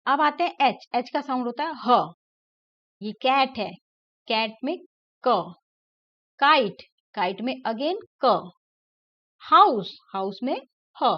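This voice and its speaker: Slow, patient woman teaching letter sounds. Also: on the high side, expressive, no echo. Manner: mixes Hindi explanation with English words. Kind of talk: explaining a textbook lesson to young pupils. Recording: slightly dull lo-fi recording.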